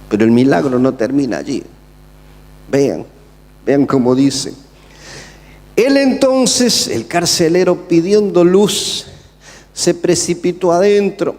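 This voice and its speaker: A fairly high-voiced Argentine pastor delivering a sermon in a large church hall. His voice carries a long reverb tail, and he swings from loud calls to hushed asides. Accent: Argentine Spanish.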